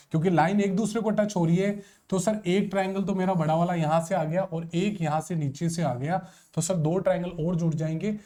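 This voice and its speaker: Bright-voiced teacher counting triangles aloud. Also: male voice, sits high. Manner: addresses students as sir and dear children, counts aloud. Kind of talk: exam-prep reasoning lesson.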